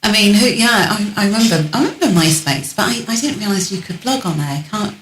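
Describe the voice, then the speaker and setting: A woman's voice: medium pitch, lively intonation, brisk, fairly bright tone. A woman hosting a radio interview, effusive and gushing with thanks, often using filler phrases. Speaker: radio host. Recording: echoey room with faint noise.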